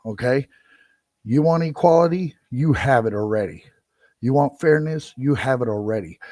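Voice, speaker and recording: A man's voice: medium pitch, darkish tone, dry recording, studio quality. A middle-aged man hosting a podcast, ranting angrily, swearing and repeating himself. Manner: profane, heated and repetitive. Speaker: podcast host. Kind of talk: angry solo rant.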